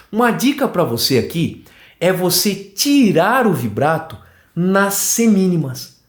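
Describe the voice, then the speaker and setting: Lively Brazilian male flute teacher. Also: sits high. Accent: Brazilian Portuguese. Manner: animated, explanatory, checks in with "tá?". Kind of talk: online music lesson. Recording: roomy echoey room.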